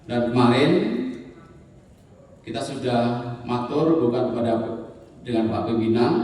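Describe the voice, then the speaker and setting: A man with a Javanese Indonesian accent giving a formal welcome speech as an organisation official, in halting short phrases. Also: mid-range voice, darkish tone. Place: large indoor event hall. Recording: echoey hall, distant, faint noise.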